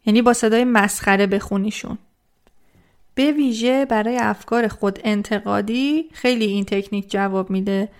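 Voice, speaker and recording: Woman, calm self-help talk, asks the listener questions, middle pitch, reflective delivery. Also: clean tone.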